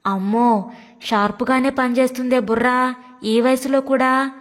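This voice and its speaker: A woman's voice: high-pitched, fairly even intonation, measured pace. A woman voicing a patient middle-aged husband who reasons and coaxes, with long room reverb. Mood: casual. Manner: coaxing, reasoning tone.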